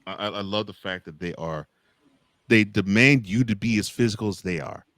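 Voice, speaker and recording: A man's voice: lowish voice, moderate pace, a bit bright, dry recording. An American man co-hosting a casual college football discussion, repeating words and phrases for emphasis. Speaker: sports show co-host.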